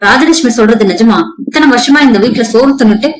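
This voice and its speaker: A woman's voice: on the high side, fast, lightly acted. A woman playing a stern father-in-law. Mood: stern accusing. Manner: demanding and accusing.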